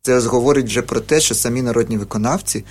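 A man's voice: medium pitch, quick pace, a little mellow, husky. A man, a folk music researcher, explaining things in a radio interview with many fillers and restarts.

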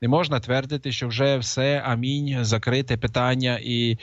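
A man lectures without a script, stopping often to fill gaps with hesitant sounds and restart his sentences. His voice sits at an ordinary middle pitch. The recording is dull and lo-fi, with a dry sound and no room echo. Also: fairly even intonation, normal speed. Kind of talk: unscripted lecture.

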